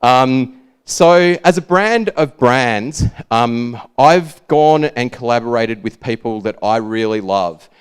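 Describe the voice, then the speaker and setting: A man's voice: medium pitch, expressive, takes it slowly, clean tone. A man with an Australian accent and a lazy, laid-back drawl, giving an informal, rambling talk about his own work. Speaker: speaker presenting own brand work.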